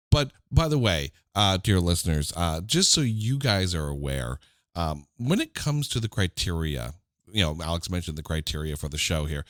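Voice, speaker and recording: Sitting low in pitch with lively intonation and a moderate pace, this man hosts a casual music podcast despite being congested and unwell, his voice stuffy and slightly nasal. He tosses mock-dramatic asides to listeners. The studio sound is clean, with no echo.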